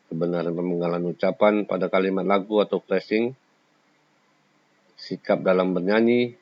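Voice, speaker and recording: Deep-voiced man teaching a lesson. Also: no room sound. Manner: explains step by step, sings short examples. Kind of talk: classroom lecture. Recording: slightly dull lo-fi sound.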